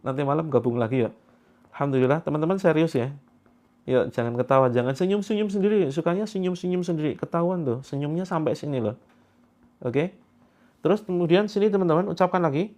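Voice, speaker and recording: A man coaching a group through a guided tapping and affirmation session, giving instructions and slowly repeating affirmations, with playful asides to the group. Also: a little high, darkish tone. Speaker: coach leading a self-healing tapping session.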